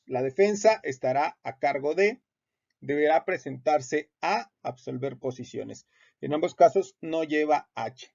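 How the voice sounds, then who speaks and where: A man explains spelling rules for court documents in a patient lecture. His fairly high voice carries a gravelly edge. The sound is muffled and lo-fi. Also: darkish tone. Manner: patient, repeats points with many hesitations. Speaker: teacher. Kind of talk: explanatory lecture on legal writing. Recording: muffled lo-fi audio.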